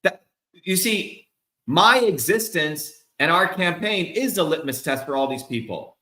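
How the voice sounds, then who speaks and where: A man's voice: a little high, expressive, measured pace, sharp tone, reverberant. A middle-aged man giving an angry, profane livestream rant as a political candidate. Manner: profane, heated, emphatic. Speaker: political candidate speaking to supporters.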